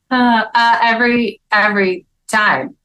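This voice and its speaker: A woman's voice: a little high, steady tone, slow, fairly bright tone, low-quality recording. A woman guest, a speaker and author, talking earnestly about her faith in a casual interview, with frequent restarts.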